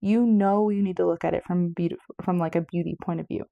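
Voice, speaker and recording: A woman's voice: fairly low pitch, steady tone, fast, creaky, dry recording, phone-quality sound. A woman giving a casual pick-a-card tarot reading, chatty and meandering, a little out of breath. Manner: chatty, meandering, self-correcting. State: slightly out of breath. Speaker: tarot reader.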